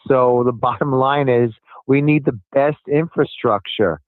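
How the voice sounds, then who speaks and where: Phone-in guest: older man heard over a thin, tinny cell phone line, dry and close, earnest and emphatic, repeating his points, mid-pitched. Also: unhurried, dry recording. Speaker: city commissioner calling in as a guest. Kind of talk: phone-in interview answers.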